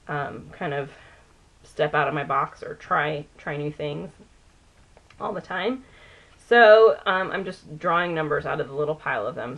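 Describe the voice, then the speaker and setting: A female beauty vlogger chats casually while doing her makeup in a get-ready-with-me video, rambling and often losing a word mid-sentence. Her voice is deep, and the audio sounds dull.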